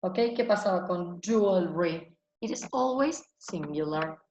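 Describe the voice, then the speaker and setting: In a recorded online lesson, an English teacher explains in Spanish, ending most lines with "ok?". She speaks slowly with fairly low pitch, lively intonation, and a darkish tone, in an echoey room with dull, lo-fi sound and faint hiss.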